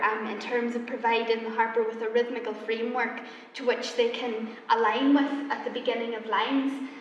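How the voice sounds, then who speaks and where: A woman talks through her research in an earnest, reflective lecture, her voice sitting fairly high and broken up by soft "um"s. She sounds distant from the mic, with the long wash of a large hall around her and faint background noise. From Northern Ireland. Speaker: harper and researcher presenting. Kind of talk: lecture presentation.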